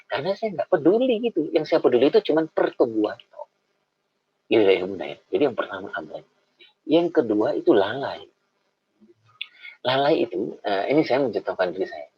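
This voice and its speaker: A middle-aged man giving a lively, informal talk on raising children, speaking to mothers and acting out parent and child voices. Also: mid-range voice, breathy edge. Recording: dull lo-fi sound.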